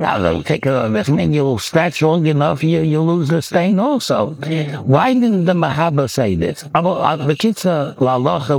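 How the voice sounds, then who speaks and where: A man teaching a religious law lesson, explaining in quick bursts and often restarting his words. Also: medium pitch, creaky, darkish tone, dry recording, rough recording. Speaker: Torah teacher. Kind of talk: halachic lecture.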